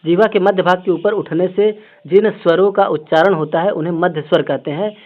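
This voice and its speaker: A man's voice: sits high, steady tone, brisk. A man teaching an exam-prep grammar lesson online. He explains memory tricks, keeps asking rhetorical questions and talks aloud as he writes. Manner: talks aloud while writing on the screen. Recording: tinny phone-like audio.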